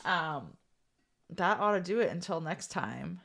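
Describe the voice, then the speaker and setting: A woman with a gravelly voice co-hosting a casual live podcast, chatty and relaxed. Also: lowish voice, measured pace. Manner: relaxed, chatty, thanks listeners. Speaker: podcast co-host.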